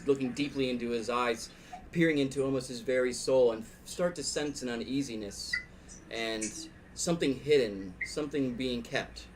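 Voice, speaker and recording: A man working as game master, improvising narration for a tabletop fantasy game in a halting way. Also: mid-range voice, slight background noise. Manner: halting, repeats words as he improvises.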